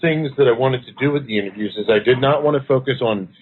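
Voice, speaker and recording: A man with a mid-range voice talks fast as an interview guest, an activist and researcher explaining earnestly and at length. The audio comes through a tinny phone line with slight background noise.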